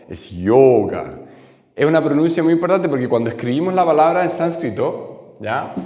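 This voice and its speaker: Male teacher, patient explainer, echoey hall, mid pitch. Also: a little mellow. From Chile. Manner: patient, often checks with "¿cierto?" and "¿ya?". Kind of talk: explanatory lesson.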